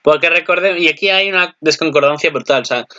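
A man's voice: a little high, quick pace. Young guy rambling about anime, gets all worked up, dull lo-fi mic. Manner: excitable, rambling, jumps to loud exclamations. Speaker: anime commentator. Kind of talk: casual video commentary.

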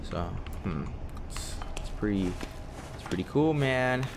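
Playing through a horror game, a young adult man gives jittery, laid-back commentary loaded with slang and curses. His medium-pitched voice is animated but unhurried. Music and some background noise sit under his speech.

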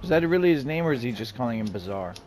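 A man's voice: medium pitch, sing-song, rapid-fire, darkish tone, soft background music. A man giving jokey, sarcastic let's play commentary over a game. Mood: joking. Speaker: gameplay commentator.

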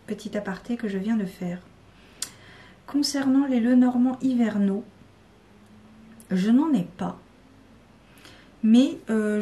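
A woman's voice: mid-range voice, warm tone, slight background noise. A woman with a French accent talking casually and unscripted to her viewers, rambling with many fillers and sometimes dropping to a near-whisper. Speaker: YouTuber showing card decks. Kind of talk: unscripted casual talk to camera.

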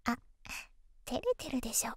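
A woman voicing an affectionate, teasing young girlfriend in an ASMR whispered role-play, soft and coaxing, intimate pillow talk. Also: normal speed, dry recording, studio quality, close to an everyday voice. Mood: tender, teasing.

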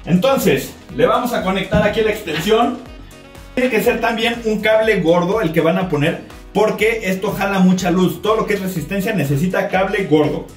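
A man in his thirties with a Mexican accent, testing a product on camera at home with a jokey, excitable manner, talking straight to viewers. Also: high voice, normal speed. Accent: Mexican Spanish. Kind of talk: casual on-camera product test. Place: home bathroom and shower, indoors. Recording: roomy, distant, faint music.

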